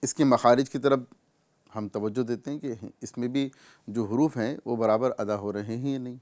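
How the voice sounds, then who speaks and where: A man with a Pakistani Urdu accent teaching correct recitation, explaining patiently and drawing out individual sounds slowly as examples. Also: medium pitch, steady tone, a little mellow. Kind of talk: tajweed lesson with recitation examples.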